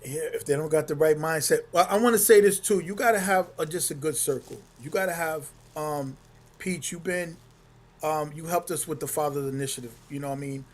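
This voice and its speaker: A man who organizes a men's round table speaks on a casual panel, his voice pitched a little high. He talks earnestly and poses questions to the others. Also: a little fast.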